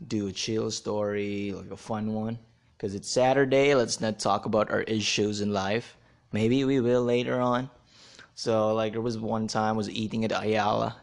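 A man's voice: on the low side, vocal fry. A young man hosting a goofy, self-mocking solo comedy podcast and telling corny jokes. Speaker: podcast host.

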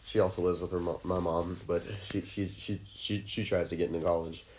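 A man hosting a comedy podcast, rambling crudely through a stream of ums and restarts and breaking into shrill squealed sound effects. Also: level tone, fairly quick, darkish tone, slight background noise. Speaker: podcast host.

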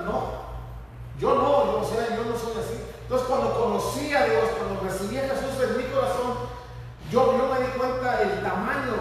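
Guy preaching with passion, high pitched, long echo, faint room noise. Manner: impassioned, preaching with quoted prayers and scripture. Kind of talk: sermon. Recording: echoey hall, voice from far off, faint ambience.

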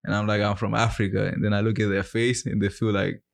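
A man's voice: lowish voice, level tone, fast talker, creaky. A man from Zimbabwe chatting on a podcast, telling stories animatedly and mimicking people, laughing often. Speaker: podcast co-host. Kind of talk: casual chat.

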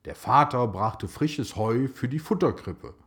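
A man narrating a children's story in a slow, expressive way. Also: medium pitch.

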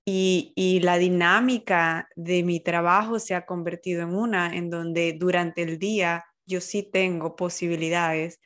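A woman's voice: fairly low pitch, steady tone, unhurried, few pauses, a bit bright. A woman in casual conversation who speaks thoughtfully and searches for words with small fillers. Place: working from home.

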